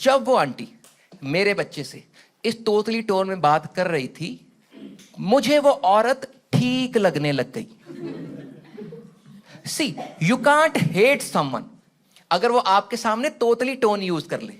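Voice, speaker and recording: A man's voice: high voice, very animated, a little slow. A man in his thirties doing a conversational stand-up comedy set on stage, slipping English phrases in among his jokes. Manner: conversational, mixes in English phrases, acts out quotes. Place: comedy stage before a live audience. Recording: loud live audience laughter and noise.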